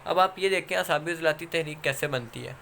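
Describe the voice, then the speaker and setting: A man's voice: fairly high pitch, vocal fry, bright, forceful tone, slight background noise. A man with a Pakistani accent giving a recorded lecture, explaining step by step and checking in with "okay" again and again. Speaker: instructor.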